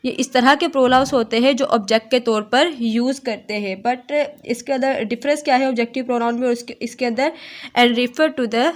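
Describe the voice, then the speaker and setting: A woman gives an online grammar lesson in a slightly high voice. She talks slowly and stops often with "theek hai" to check her students are following. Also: steady tone. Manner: slow, explaining with frequent "theek hai" checks. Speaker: English teacher.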